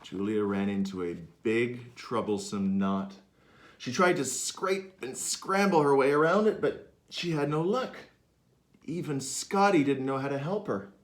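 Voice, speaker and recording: A man reading his picture book aloud to children, animated and inviting them to join in. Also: mid-range voice, a little slow. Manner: animated, asks listeners to join in. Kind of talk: interactive read-aloud for children.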